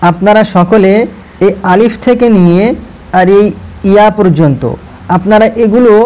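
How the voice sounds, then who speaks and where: A male Quran reading teacher with a high, slightly mellow voice leads a slow, step-by-step recitation lesson. He repeats each letter slowly, stretching the vowels in a patient, instructive tone, and speaks directly to viewers, urging them to listen closely.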